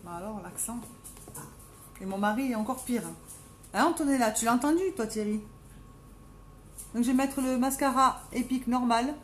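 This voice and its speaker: A middle-aged woman with a Marseille accent, doing her makeup live at home and chatting casually with viewers by name, self-mocking, with a strong, deep voice. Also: moderate pace, long pauses, a little hiss or hum. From Marseille, France. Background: dogs playing now and then.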